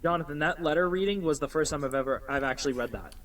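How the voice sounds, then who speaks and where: A man co-hosts a casual podcast and talks with animated emphasis, swearing freely as he goes. His voice sits a little above the usual pitch for a man. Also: fast talker, poor audio. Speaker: podcast co-host. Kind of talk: casual chat.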